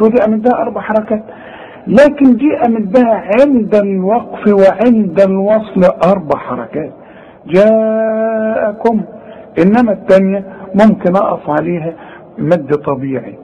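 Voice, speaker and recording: A high-voiced man with an Egyptian accent teaches Quran recitation in a tajweed lesson. He sings out verses slowly, corrects wrong forms and then explains them briskly. A faint hum of room noise sits behind him. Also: lo-fi sound. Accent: Egyptian Arabic.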